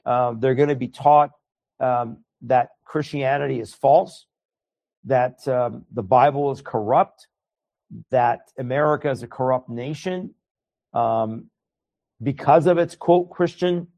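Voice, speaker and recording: A man's voice: medium pitch, takes it slowly, vocal fry, darkish tone. A man from Iran whose first language is Farsi, a guest speaking earnestly in a conversational interview and often repeating words as he starts a thought.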